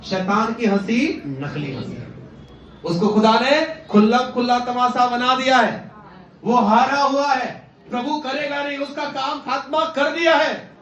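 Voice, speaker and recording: A man's voice: very high-pitched, slight background noise. A male pastor preaching a fervent sermon, calling out hallelujahs and questioning his congregation. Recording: echoey, distant mic, dull sound.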